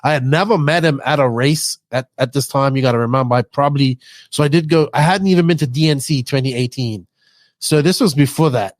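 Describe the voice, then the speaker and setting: A man's voice: mid-range voice, fairly quick, dry recording. A talkative man hosts a podcast in casual, unscripted style. His Bermudian accent is somewhat toned down, and his delivery is informal. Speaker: podcast host.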